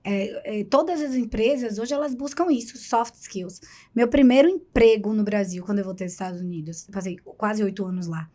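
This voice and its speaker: A woman's voice: medium pitch, fairly quick, warm tone. A woman who teaches English, chatting on a podcast and making her points with emphasis. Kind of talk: casual podcast chat.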